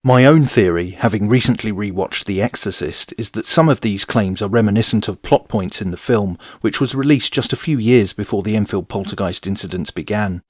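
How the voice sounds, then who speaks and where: Deep-voiced man narrating history. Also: a little fast, hardly any pauses, dry recording, clean studio sound. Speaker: history channel host. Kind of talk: scripted documentary narration.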